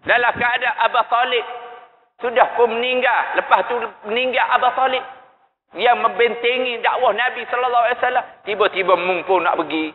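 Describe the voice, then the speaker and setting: A man's voice: very high-pitched, a little fast. A male preacher giving an emotive evening sermon, telling stories and questioning the congregation. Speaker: mosque preacher. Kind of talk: evening sermon with Quran recitation. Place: mosque hall. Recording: echoey mosque hall over tinny lo-fi sound.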